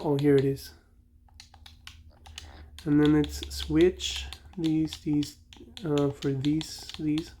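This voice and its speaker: This young man's voice is on the high side with a dark tone, plus a little hiss or hum. He hosts a gaming channel, speaking with a Mexican accent, chatting in a rambling, nostalgic way as he plays and often self-correcting mid-sentence.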